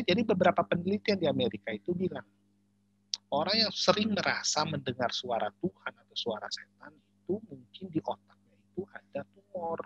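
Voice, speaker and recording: A man speaks in a husky, bright voice with a lively, bouncing pitch. He answers questions at a church discussion, animated and teasing. The sound is dry and dull, as from a lo-fi recording. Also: dry recording. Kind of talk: joking discussion talk.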